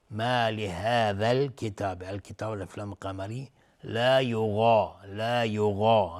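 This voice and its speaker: A man teaching Quran recitation, chanting verses slowly and melodically, then explaining the rules in quick, lower speech. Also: darkish tone. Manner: melodic slow chanting, then rapid low-voiced explanations.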